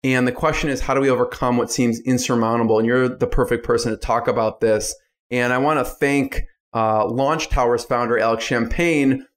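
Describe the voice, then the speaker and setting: A man hosting a podcast, introducing his guest and asking questions in a friendly, chatty way. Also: medium pitch. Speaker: podcast host. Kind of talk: casual interview.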